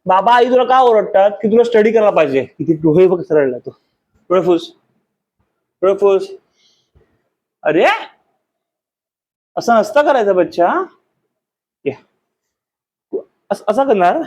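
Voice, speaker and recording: A father at home coaxes his small child toward bed, repeating gentle calls over and over. His voice sits a little high and stays soft and patient. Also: animated, a little slow, long pauses. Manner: soft, coaxing, repetitive. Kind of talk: coaxing a small child to sleep.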